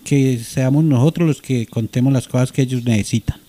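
A man's voice: medium pitch, brisk, dark tone. A man, a sports radio reporter talking earnestly and emphatically.

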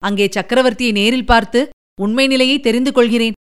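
A woman voicing a cautious, deliberate older male army chief who speaks in a measured way, weighing each point. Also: fairly high pitch, fairly even intonation, smooth, close to an everyday voice. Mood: grave.

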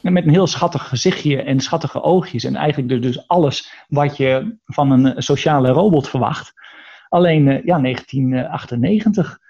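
A man's voice: mid-range voice, moderate pace, vocal fry, a little mellow, slightly rough, dull audio. A man being interviewed about social robots, speaking thoughtfully and hesitantly with many fillers and restarts. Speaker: guest, artist and robot researcher. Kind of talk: conversational interview.

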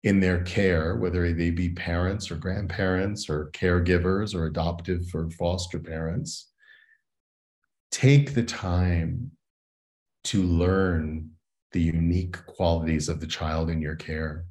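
Man, very low voice, earnest, reflective, educator guest on an interview show. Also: fairly even intonation, slow pace, darkish tone. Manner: earnest and reflective, often adds "right?". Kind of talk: interview conversation.

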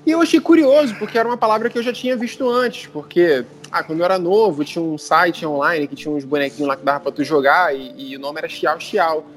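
High-voiced Brazilian man telling stories. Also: quick pace, few pauses. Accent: Brazilian Portuguese. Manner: animated, slangy, laughs while telling anecdotes. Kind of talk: casual chat, storytelling.

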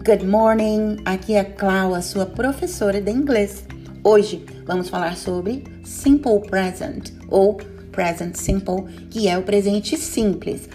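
Slow, patient woman teaching English. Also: mid-range voice, steady tone, dark tone, soft background music. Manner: slow, carefully spaced model sentences for repetition. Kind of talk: language lesson with drilled examples.

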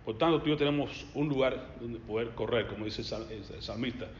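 A man preaching a sermon, swinging between loud emphatic passages and quiet low asides. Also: quick pace. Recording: echoey hall, slightly dull sound.

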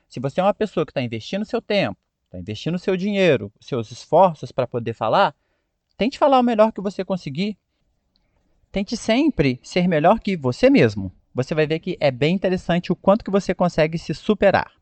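Lively Brazilian man teaching English. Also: sits high, dry recording. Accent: Brazilian Portuguese. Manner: lively, addresses viewers directly, keeps asking "ok?". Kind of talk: online English pronunciation lesson.

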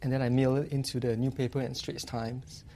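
A man with a Singaporean accent, a guest cartoonist answering interview questions in a relaxed, easygoing way. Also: medium pitch, a little fast, a little hiss or hum. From Malaysia. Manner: relaxed, often trailing off with "lah". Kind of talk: casual interview chat.

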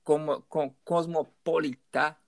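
A man's voice: a little high, steady tone, takes it slowly, gravelly, dry recording. A middle-aged man from Salvador, telling stories as an interview guest, hesitant and full of repeated words. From Salvador, Bahia, Brazil. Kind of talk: casual conversational interview.

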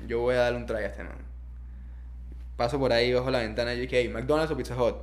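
A man's voice: medium pitch, steady tone, fast. A young man with a Panamanian accent, casually telling personal stories as a guest, with slang and English words mixed in. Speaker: interview guest.

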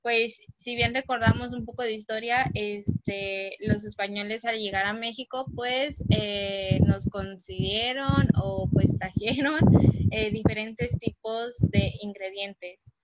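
A Mexican woman giving a talk, pausing often with fillers. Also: medium pitch, expressive, highs cut off, very noisy. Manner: hesitant, many fillers. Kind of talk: presentation.

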